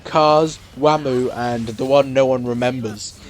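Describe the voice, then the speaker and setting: Guy rambling thru a plot recap, lots of um and uh, mid pitch, bit of hiss. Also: steady tone, measured pace. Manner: rambling, full of fillers and restarts, slips into silly quoted voices. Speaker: podcast co-host. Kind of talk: casual chat, recapping a story.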